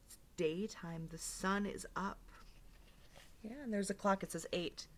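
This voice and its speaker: A woman with a medium-pitched voice speaks a little slowly. She's a teacher giving an interactive read-aloud to young children, reading with expression, explaining things simply and asking them questions.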